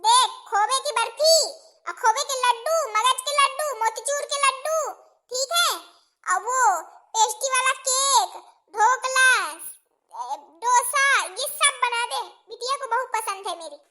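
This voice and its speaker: A woman's voice: very high voice, unhurried, bright, forceful tone, voice pushed up, heavily acted. A woman voicing a bossy, scheming mother-in-law in a cartoon, scolding in rustic village speech.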